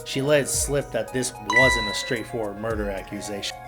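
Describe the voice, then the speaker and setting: A man voicing an earnest young male defense attorney, calm and methodical. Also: lowish voice, normal speed, music in the background, lightly acted.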